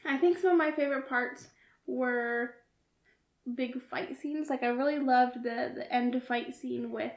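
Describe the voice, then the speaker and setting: A woman's voice: sits high, a little slow. A woman co-hosting a casual podcast chat, giggling often as she retells scenes. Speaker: podcast co-host. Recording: roomy echo.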